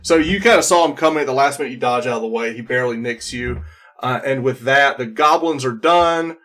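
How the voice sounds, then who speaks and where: Male game master, medium pitch, casual and playful, narrating tabletop fantasy play. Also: fairly quick, fairly bright tone.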